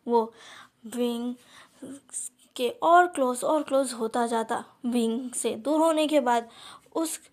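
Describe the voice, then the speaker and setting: A woman reading her own fan-fiction story aloud as a storyteller. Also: a little high.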